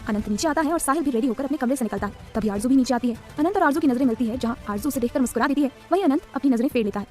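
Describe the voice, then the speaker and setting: A woman's voice: high-pitched, lively intonation, rapid-fire, a little mellow, faint music behind. A woman narrating an audiobook story.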